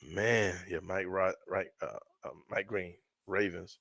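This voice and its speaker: A middle-aged man hosting a casual live sports stream, excitable and repetitive, often trailing off mid-sentence. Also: sits low, slow, creaky, dry recording. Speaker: sports show host.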